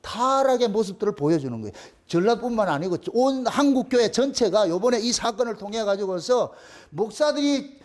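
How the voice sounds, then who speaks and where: A man, a pastor, preaching a sermon in a blunt, colloquial way and repeating his key phrases for emphasis. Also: high voice. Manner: blunt, colloquial, crude at times. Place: church.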